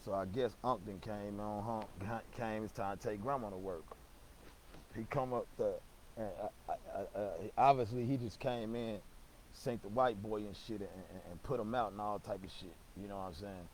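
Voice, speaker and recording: A man's voice: lowish voice, fairly even intonation, moderate pace, darkish tone, a little hiss or hum, poor audio. A young man telling a casual story, rambling and slangy, with lots of swearing and stammered restarts.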